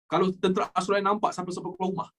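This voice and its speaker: A man's voice: high voice, monotone, rapid-fire, fairly bright tone, rough recording. A young Malaysian man teaching a live online history class, jokey and repeating his key points, mixing in English phrases.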